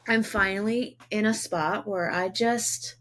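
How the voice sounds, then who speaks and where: A woman's voice: medium pitch, fairly even intonation, measured pace, fairly bright tone. A woman in her thirties, a singer-songwriter guest, chatting casually in a podcast conversation and often restarting and repeating words. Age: 30s.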